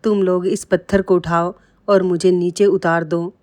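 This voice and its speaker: A greedy, scheming king from a storybook tale, as a woman narrator reads his lines. His talk is bossy and worried, and the voice sits on the low side. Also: flat delivery, a little slow, darkish tone, natural voice.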